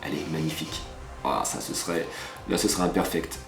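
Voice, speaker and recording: This man's very deep, gravelly voice moves a little fast as he hosts a card-opening video. He chats casually with viewers, tossing in asides and exclaiming excitedly over each card. The recording has room echo and background music.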